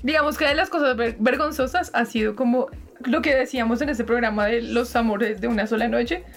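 A woman chats with friends on a talk show, her voice sitting a little high. She tells stories with animation and acts out what people said. Soft music plays faintly behind her. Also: a little fast. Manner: animated storyteller, acts out quotes. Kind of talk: casual chat.

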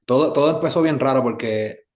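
Brisk and medium-pitched, the voice belongs to a musician from Puerto Rico with a Puerto Rican Spanish accent. As a guest in a casual interview, he talks in an easygoing, rambling manner, full of fillers.

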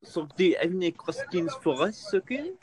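A man hosting a casual podcast who talks hesitantly and often pauses on fillers. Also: high voice, big pitch swings, background noise. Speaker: podcast host.

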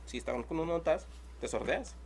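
A man's voice: on the high side, expressive, normal speed, a little mellow, breathy edge. Slangy Mexican man telling a story. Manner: slangy, rambling, fills every phrase with filler words. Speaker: podcast host. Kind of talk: casual storytelling chat.

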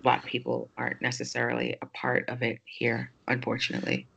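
A woman's voice: extremely low pitch, monotone, a little fast, gravelly, a bit bright, slightly rough, muffled recording. A woman who grew up in New York hosts a podcast, speaking in a casual, reflective way with many fillers as she thinks aloud. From New York, United States. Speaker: podcast host.

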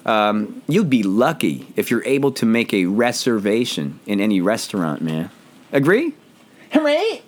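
Hoarse man hosting, lively rambling talk. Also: lowish voice, unhurried. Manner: jokey, rambling, self-deprecating. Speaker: podcast host. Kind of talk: casual chat. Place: home.

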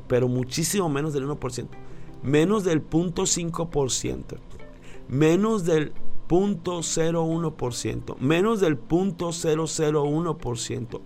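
A man giving a motivational talk on emotions, emphatic and repeating phrases for effect. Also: mid-range voice. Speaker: speaker on emotions.

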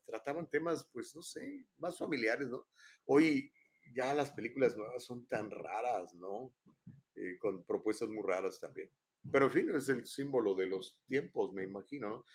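An older man with a Mexican accent hosting a live show from his home, chatting in a rambling way and tagging questions onto his sentences. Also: fairly low pitch. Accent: Mexican Spanish. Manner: rambling, chatty, keeps adding tag questions. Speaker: host. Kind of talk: casual live-show chat.

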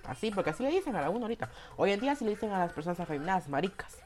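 A flamboyant young vlogger who calls himself effeminate tells his viewers a personal story in a Guatemalan Spanish accent, swearing freely and tagging sentences with "va." His high, sing-song voice races along with a darkish tone, and faint music plays behind.

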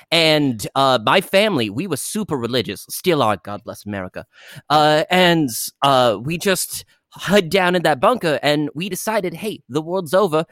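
A man's voice: on the high side, a bit bright, no echo, clean studio sound. A man in his thirties, guest in an improvised comedy interview, who stammers and rambles in a flustered way. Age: 30s.

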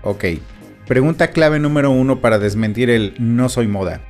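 A male podcast host with a medium-pitched voice. He greets listeners warmly and asks his guest questions in a friendly way. Soft music plays underneath. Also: normal speed. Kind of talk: podcast interview.

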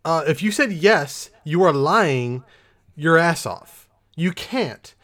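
A man's voice: on the high side, expressive, takes it slowly, fairly bright tone. A man co-hosting a podcast in casual chat, ranting in an exasperated, emphatic way, a little tipsy. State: tipsy from drinking. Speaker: podcast co-host.

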